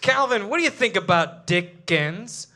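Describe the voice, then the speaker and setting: A woman's voice: mid-range voice, animated, a little slow, bright, forceful tone. A woman hosting a live comedy show on a small stage, bantering with her guests in a chatty, apologetic way. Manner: chatty, apologetic, laughing asides.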